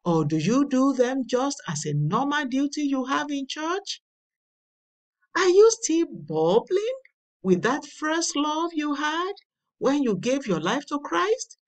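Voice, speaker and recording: A woman reads a daily devotional and its scripture at an unhurried pace. Her voice swings widely in pitch and swells for emphasis. She sits a little back from the microphone. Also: big pitch swings, far from the mic. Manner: slow, deliberate reading with emphatic swells. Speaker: devotional reader. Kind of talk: slow read devotional with scripture.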